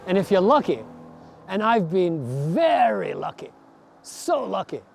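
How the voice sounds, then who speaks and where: A Scottish man in his sixties, reflecting in a documentary interview, thoughtful and earnest, pausing and repeating words as he searches for them. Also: high-pitched, sing-song, gravelly, faint music behind. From Scotland. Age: 60s. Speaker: barefoot walker interviewed.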